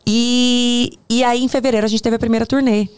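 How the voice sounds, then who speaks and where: A woman's voice: a little high, a little fast, smooth. Brazilian woman telling stories, hyperbolic and chatty. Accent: Brazilian Portuguese. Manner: animated, hyperbolic, self-interrupting storyteller. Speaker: podcast guest, tour producer. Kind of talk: casual storytelling in conversation.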